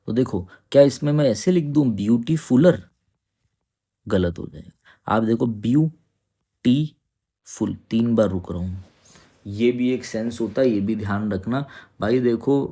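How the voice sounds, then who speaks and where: Low gravelly man teaching grammar. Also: dark tone. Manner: explains patiently, keeps asking "ठीक है?" to check understanding; reads English sentences slowly and deliberately. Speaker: English teacher. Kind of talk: exam-prep grammar lesson.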